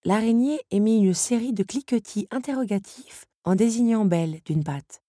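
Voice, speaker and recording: A woman narrating an audiobook in a measured, even storytelling manner. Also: on the high side, dry recording, clean studio sound.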